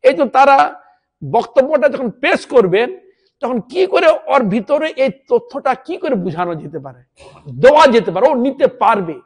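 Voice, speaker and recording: A monk preaching a devotional sermon who keeps asking his listeners questions and lets his voice sink low at the end of each point. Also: very animated, normal speed, husky. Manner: keeps checking in with listeners through rhetorical questions; drops into a lower, softer voice at the ends of points.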